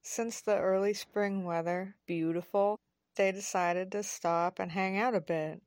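Calm, slow woman storyteller. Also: mid-range voice, dry recording, studio quality. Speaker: narrator. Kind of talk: scripted audio drama narration.

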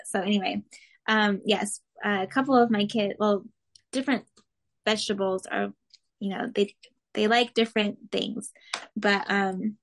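A woman from Arizona, a mother and recipe blogger, talking as an interview guest in a relaxed, rambling way with lots of "like" and light laughs. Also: medium pitch. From Arizona, USA. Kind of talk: casual interview chat.

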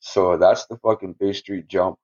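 A man's voice: low-pitched, fairly even intonation, normal speed, a little mellow. A man telling a long personal story in casual podcast talk, swearing a lot and chuckling as he rambles. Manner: profane, rambling, chuckles often. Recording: dull lo-fi recording.

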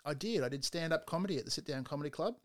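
A man's voice: fairly high pitch, lively intonation, racing. A middle-aged father co-hosting a casual podcast chat, joking and rambling.

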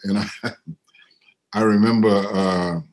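Middle-aged man, low-pitched, relaxed storyteller on a video call, livens up when quoting people. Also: takes it slowly. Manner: animated when quoting others, otherwise easygoing with fillers. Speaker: interviewed musician and composer. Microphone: computer on a video call.

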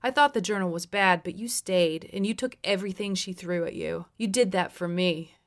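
A woman's voice: lowish voice, normal speed, natural voice. Woman voicing a firm young husband. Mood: earnest. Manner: forceful, firm. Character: fed-up grown son, a young husband.

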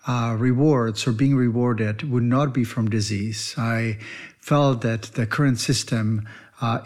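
A man's voice: medium pitch, darkish tone. Earnest man hosting a podcast. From Czech Republic. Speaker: veterinarian and podcast host. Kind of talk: podcast monologue.

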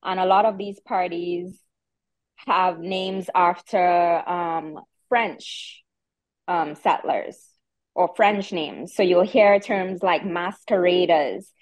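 In her thirties and from Trinidad and Tobago, this podcast guest speaks with a strong Trinidadian accent in a slightly low voice, taking it slowly. During the casual interview chat she explains things in a relaxed, easy way, often repeating a word as she gathers her thoughts.

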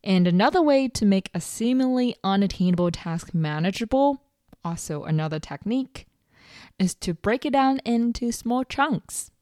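A woman's voice: mid-range voice, lively intonation, moderate pace, darkish tone, no room sound, clean studio sound. A woman presenting self-help tips like a vlogger, in an upbeat, neatly organized, step-by-step way. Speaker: advice vlogger. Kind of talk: scripted self-help tips talk to viewers.

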